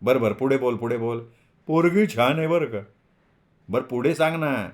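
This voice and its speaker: A man's voice: mid-range voice, moderate pace, natural voice. A man reading a novel aloud, voicing an impatient, teasing young male student close to his own voice.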